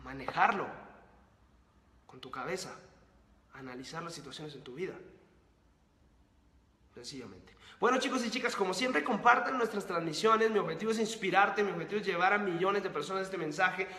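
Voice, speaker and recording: High-voiced man giving an emphatic pep talk. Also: moderate pace, long pauses, sharp tone. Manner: emphatic, repetitive rhetorical questions and lists. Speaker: host of a book-summary channel. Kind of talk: motivational monologue to camera. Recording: roomy echo with long reverb.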